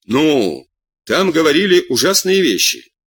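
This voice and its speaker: A man doing an excitable young lad. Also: fairly high pitch, a little slow, slightly rough, no echo, heavily acted. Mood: excited. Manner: breathless, excited storytelling.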